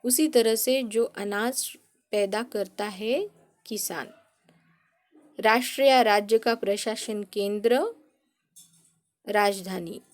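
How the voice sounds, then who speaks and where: A woman's voice: medium pitch, slow, pauses often. A woman teacher giving a grammar lesson to children, patiently explaining and answering her own questions.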